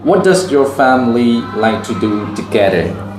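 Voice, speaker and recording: A Cambodian man who speaks Khmer natively, a teacher who also hosts the channel, quizzes a student with simple questions in broken, plain English on a school campus, saying "okay" after every answer in this classroom Q&A video. He sounds mid-range, animated, a little slow and slightly mellow. There's echo, faint background music and a faint crowd.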